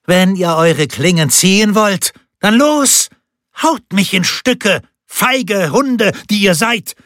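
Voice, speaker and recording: A man voicing a furious proud noblewoman who shouts contemptuous defiance in a high, strained voice. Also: animated, slow, dry recording, clean studio sound, exaggerated voice. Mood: raging. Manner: shrill, shouting, spitting contempt. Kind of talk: audiobook character voice.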